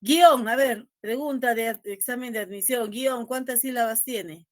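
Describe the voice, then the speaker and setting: A woman teacher leads an online class, her voice a touch high and recorded dry and close. She is patient and repeats her key points. She ends many phrases with a rising check-in to her students. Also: normal speed, no room sound. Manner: checks in constantly with a rising tag question.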